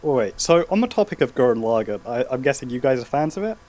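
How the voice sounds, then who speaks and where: A man's voice: medium pitch, very animated, quick pace, darkish tone. A man with a British accent in a casual podcast chat, wry and self-deprecating.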